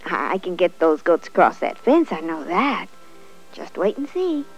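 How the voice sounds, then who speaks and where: A woman's voice: on the low side, very animated, normal speed, slightly rough, lo-fi sound, soft background music, heavily acted. A woman voicing a busy little female bee, determined and bossy.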